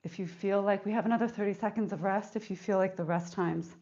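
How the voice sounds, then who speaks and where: A woman's voice: mid-range voice, steady tone, fast talker, warm tone, lo-fi sound. A woman fitness instructor leading a live workout, counting reps aloud and getting out of breath between sets.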